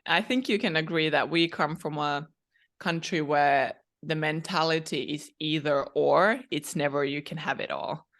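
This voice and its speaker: Brief: female dating coach guest, gravelly fry in the voice, measured and emphatic. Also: sits low, a bit bright. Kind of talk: conversational interview advice.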